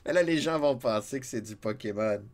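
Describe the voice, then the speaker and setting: A man with a Québécois accent chatting casually while streaming a game, self-mocking and quick to laugh, a little stuffy from a cold. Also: mid-range voice, lively intonation. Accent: Québécois French.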